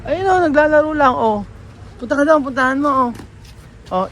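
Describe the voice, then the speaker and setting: A man's voice: very high voice, expressive, moderate pace, a bit bright, slight background noise. A man from the Philippines vlogging in casual chat, playful and coaxing, often stopping and restarting his words.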